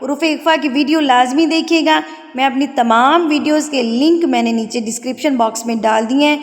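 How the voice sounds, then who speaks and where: High-voiced Pakistani woman teaching recitation. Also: long reverb tail. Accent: Pakistani Urdu. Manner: slow drawn-out melodic recitation of verses, brisk plain explaining between. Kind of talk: tajweed lesson alternating slow recitation and explanation.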